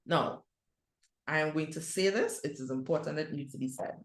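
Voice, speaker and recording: In a low voice at normal speed, a middle-aged woman with a Trinidad and Tobago accent presents on youth ministry at a conference, her words reverberating. Her style is conversational and direct, marked by false starts and rhetorical questions.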